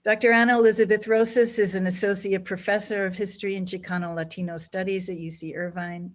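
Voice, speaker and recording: A woman hosting and introducing speakers at an online event over a video call, speaking earnestly with small restarts. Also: fairly low pitch. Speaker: program director and event host. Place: home or office on a video call.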